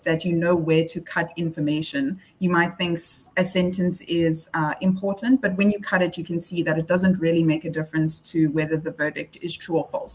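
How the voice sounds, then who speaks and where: A woman speaking as a panelist, explaining her work in an unscripted talk. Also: fairly low pitch. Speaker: panelist, fact-checking podcast scriptwriter.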